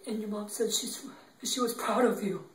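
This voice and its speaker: An actor playing a young man who gently consoles his grieving girlfriend, speaking in a halting, tearful, repetitive way. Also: high voice, steady tone. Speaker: actor in an improv demo reel. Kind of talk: improvised dramatic monologue. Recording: roomy, distant from the mic.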